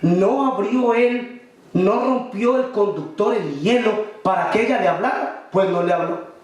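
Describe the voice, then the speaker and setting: Preaching a sermon as a story, a man with a high, unhurried voice asks the congregation rhetorical questions and acts out the people in it. He's in a large church hall, recorded from far off with heavy echo and faint music.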